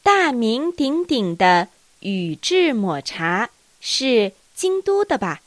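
A woman teaching a language lesson, reading dialogue lines with careful, deliberate enunciation. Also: on the high side, sing-song, soft background music.

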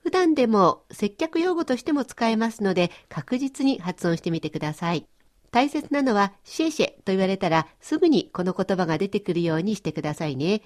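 A woman hosting a radio language lesson, explaining phrases in a friendly, clear, instructive way. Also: medium pitch, lively intonation, a little fast, darkish tone. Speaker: language teacher and host.

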